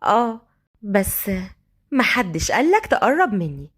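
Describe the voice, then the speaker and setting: A woman voicing a defiant young tissue seller with an Egyptian accent, talking in a quick, sharp-tongued way. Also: mid-range voice, big pitch swings, breathy edge.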